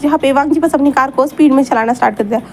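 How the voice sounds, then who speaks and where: A woman's voice: sits high, racing, slight background noise. A woman narrating a fan story aloud in a chatty way, with repeats and asides to her listeners.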